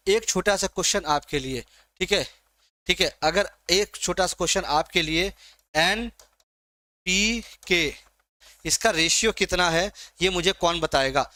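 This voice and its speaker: Man, teacher, high voice, dry close sound, coaxing and teasing students, live online class. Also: bright, forceful tone, dry recording.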